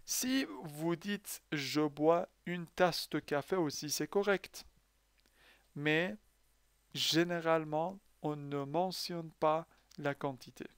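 A man's voice: fairly high pitch, slow pace, clean tone, no room sound. A man teaching a French lesson to learners who speak Persian. He is patient, asks the class questions and then answers them himself. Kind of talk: language lesson.

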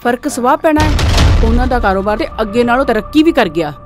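An actress playing a jealous, complaining village wife who insists on being heard. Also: female voice, a little high, lively intonation, fast talker, close to an everyday voice. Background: film score music.

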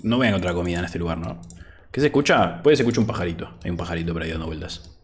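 Rapid-fire and expressive, a low-pitched young man in his 20s with an Argentine accent hangs out on a casual gaming livestream, laid-back and chatty. He reads chat out loud and says "boludo" frequently, speaking into an over-ear headset in a home room with slight background noise.

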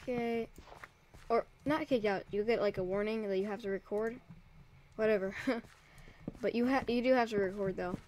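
At normal speed but with frequent pauses, a probably teenage young man with a high, darkish voice commentates his Minecraft let's play as server host. He rambles casually and startles easily. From a home room by a window, his desk mic picks him up unevenly as he drifts, with a little hiss or hum.

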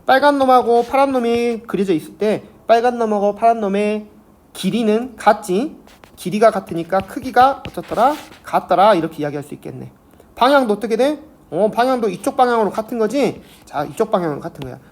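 A woman's voice: fairly high pitch, darkish tone. A woman teaching a math lesson, explaining step by step and asking and answering her own questions. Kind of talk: classroom math lecture.

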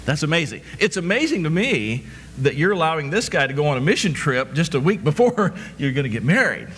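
A man's voice: a little high, sing-song, fairly quick, fairly bright tone, a little hiss or hum. A middle-aged man preaching a sermon from a church stage, asking rhetorical questions and restarting his words as he walks about. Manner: repetitive rhetorical questions, frequent stammered restarts. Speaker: pastor.

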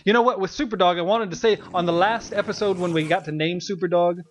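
A man's voice: sits high, fairly even intonation, quick pace, slight background noise. A man co-hosting a Let's Play, chatting casually in a rambling, self-mocking way and laughing often. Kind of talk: casual gameplay chat.

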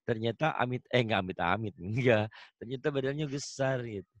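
A man teaching Quran recitation over an online call, chatting and coaching, then chanting example verses slowly and melodically. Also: medium pitch, dry recording, muffled recording. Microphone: video call.

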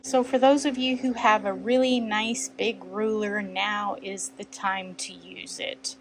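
A woman's voice: mid-range voice, fairly even intonation, unhurried, a little hiss or hum, poor audio. A woman hosting a quilting tutorial, chatting and thinking aloud as she measures and cuts fabric at her sewing table. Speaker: quilting channel host. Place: sewing room at a cutting table.

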